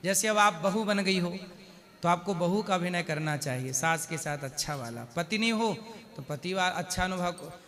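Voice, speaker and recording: A man speaking as a spiritual guru, counseling a married couple. He asks questions and slows down to recite couplets. His voice is high and bright, and it carries a long hall reverb. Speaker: spiritual guru giving advice on stage. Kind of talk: devotional advice to a couple.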